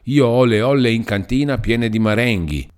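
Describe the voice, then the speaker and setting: A man voicing a gruff, grumbling, sarcastic middle-aged uncle in an audiobook reading. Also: deep voice, lively intonation, moderate pace, a little mellow. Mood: bitter, sarcastic. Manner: brusque and grumbling.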